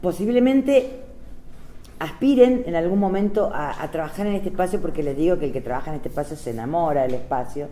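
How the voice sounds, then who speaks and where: A woman's voice: low voice, expressive, a little fast, warm tone, a little hiss or hum. A woman with a Córdoba Argentine accent gives a conversational lecture to teachers on a panel, peppering it with fillers and tag questions. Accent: Argentine Spanish, Córdoba. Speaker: panel speaker on civic education. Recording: echoey hall with faint ambience.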